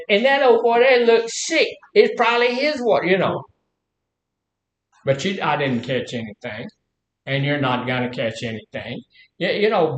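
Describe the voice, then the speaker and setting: A man's voice: a little high, roomy sound, lo-fi sound. A middle-aged man teaching a casual class, folksy and full of questions to the room. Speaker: health instructor.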